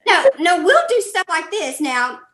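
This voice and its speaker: A woman's voice: very high-pitched, sing-song, unhurried, fairly bright tone, slight background noise. A middle-aged woman from Alabama with a Southern US accent, chatting casually and giving folksy advice as an interview guest. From Alabama, United States. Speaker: interview guest, life coach. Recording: roomy, echoey sound.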